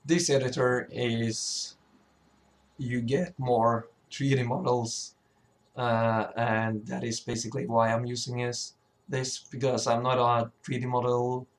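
Man, sick cracking voice, unhurried pace, stumbling delivery, informal tutorial. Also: mid-range voice, little pitch movement. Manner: hesitant, often stumbling and throat-clearing. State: sick, sore voice. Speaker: tutorial presenter, level designer.

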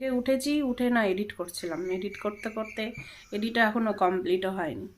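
A woman's voice: medium pitch, fairly quick, slight background noise, low-quality recording. A woman in her thirties from Bengal chatting casually through her home vlog as she explains her chores. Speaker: vlogger. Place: home kitchen and bedroom.

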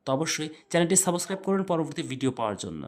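A man teaching Quran recitation, spelling out letters and drawing out nasal sounds slowly. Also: on the high side, sing-song. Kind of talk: slow spelled-out recitation lesson.

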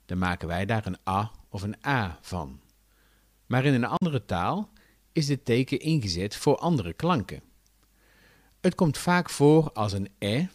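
A man from the south of the Netherlands with a southern Dutch accent, giving a clear, deliberate scripted lesson. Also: mid-range voice, no echo, studio quality. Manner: clear, deliberate explanatory delivery with lively intonation. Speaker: language teacher. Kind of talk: scripted educational narration.

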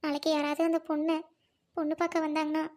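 A woman playing a gentle, grieving widowed elder sister who speaks softly and pleads with her younger brother. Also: sits high, flat delivery, quick pace, lightly acted. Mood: worried.

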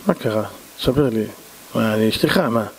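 A man voicing a worried, caring wife who softly pleads with her husband. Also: fairly low pitch, lively intonation, husky, pitched below the performer's own voice. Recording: long hall reverb.

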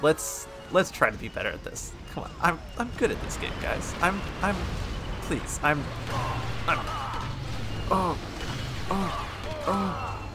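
A man giving let's-play commentary, excitable, swinging from quiet muttering to yelling at the game. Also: sits high, slow pace, long pauses, music in the background. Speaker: gaming channel host.

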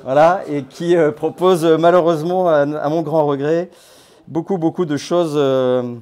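A man giving an informal presentation to a meetup group, talking in a conversational, halting way with many hesitations and restarts. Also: a little high, fairly even intonation, a little mellow. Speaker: crypto platform founder giving a talk. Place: based in Nouméa.

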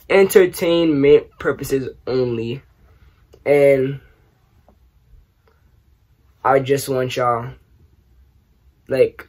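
A young man from New York, raised partly in Trinidad, answering questions in a casual vlog, animated and joking with lots of slang. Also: medium pitch, husky. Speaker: YouTuber. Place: small bedroom, indoors.

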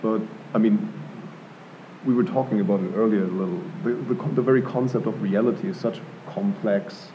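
A man's voice: on the low side, steady tone, normal speed, a little hiss or hum. A man in his thirties from Germany, answering at an art gallery panel in a thoughtful, hesitant way with many fillers and restarts. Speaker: panel artist. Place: art gallery panel before a live audience. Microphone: table mic on stand. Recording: dull lo-fi live room sound.

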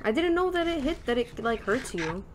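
A young woman hosts a relaxed gaming session, chatting with a friend while she plays. Her fairly high voice swings widely up and down as she exclaims and gasps at what she finds. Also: normal speed, background noise. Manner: lively, exclaiming and gasping while playing. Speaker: channel host. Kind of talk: casual gaming chat.

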